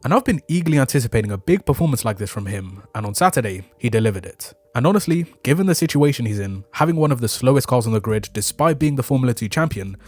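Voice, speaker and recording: A man's voice: mid-range voice, lively intonation, fast talker, few pauses, no room sound. A man giving opinionated, scripted motorsport commentary in casual fan slang, as a video creator reviewing a race. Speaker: motorsport YouTuber reviewing a Formula One race. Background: background music.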